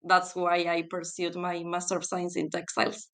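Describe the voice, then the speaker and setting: Smooth-voiced woman answering interview questions. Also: lowish voice, monotone, moderate pace, fairly bright tone. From Argentina. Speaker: guest. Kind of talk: conversational interview.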